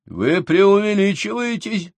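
A man's voice: high voice, normal speed, fairly bright tone, dry recording, pitched above the performer's own voice. A man voicing an earnest professor who speaks raised and emphatic. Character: earnest professor, eager and indignant.

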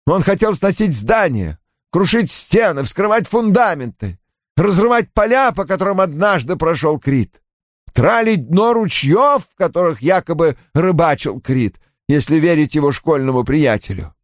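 A man performs an audiobook character, a bitter, brusque older father, pitching his voice a little high, above his own natural voice, with big pitch swings at a moderate pace. The delivery is cold, emphatic, irritable, and defensive, with an agitated mood. The recording is studio quality with no echo.

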